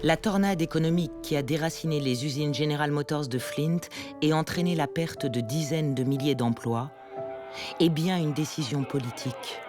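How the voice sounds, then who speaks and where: A man reads documentary narration in a measured, explanatory way. His voice sits a little high. Clear music plays behind him throughout.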